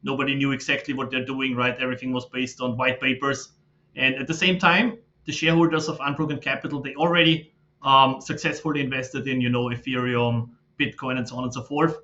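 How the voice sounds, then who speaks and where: A man, a podcast guest who explains his background in a steady, filler-laden way. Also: mid-range voice, a little fast. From Austria. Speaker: guest, fund manager. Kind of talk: casual interview talk. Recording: slightly dull lo-fi audio.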